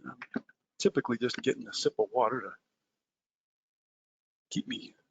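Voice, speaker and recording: Presenting a live trading webinar, a man talks to his listeners in a loose, conversational style, peppered with "uh" and "um". His medium-pitched voice keeps a moderate pace, with a little hiss or hum in the background.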